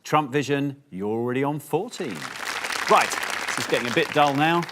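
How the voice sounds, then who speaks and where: A man's voice: mid-range voice, expressive, normal speed, a loud crowd, very noisy. A man hosting a comedy panel show, reading out scores and rules with a dry, sarcastic, teasing manner. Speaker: host.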